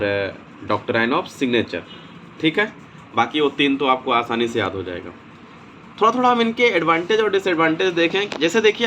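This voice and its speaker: A male homeopathy teacher giving a recorded lecture, explaining slowly and checking in with "okay" after each point. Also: a little high, fairly bright tone, slight background noise. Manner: explanatory, repeats points with frequent "ठीक है".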